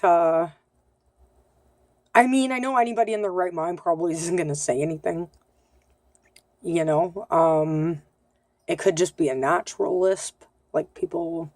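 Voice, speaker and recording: A woman's voice: lowish voice, a little mellow, no echo. A woman in her thirties speaking in a candid, hesitant video diary, full of ums, with a slight lisp. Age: 30s. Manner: hesitant, lots of ums, candid and self-conscious. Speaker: vlogger.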